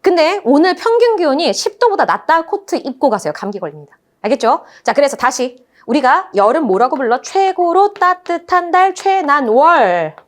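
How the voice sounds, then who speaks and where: A woman's voice: high voice, brisk, hardly any pauses. A woman teaching a lecture course, telling stories and acting out playful exchanges as she explains. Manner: lively storytelling, acts out playful voices. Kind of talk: animated lecture.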